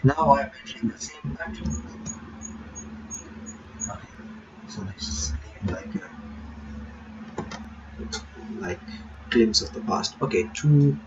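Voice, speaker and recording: Mid-pitched and drowsy yet lively in intonation, this reaction host reads a visual novel aloud unhurriedly, pausing often to ramble. Background noise and game music fill the dull, lo-fi recording.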